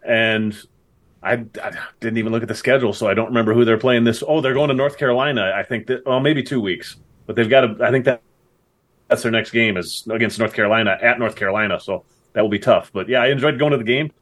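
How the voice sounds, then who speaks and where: A man co-hosting a casual sports podcast, relaxed and wry, often laughing. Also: medium pitch, fast. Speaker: podcast co-host.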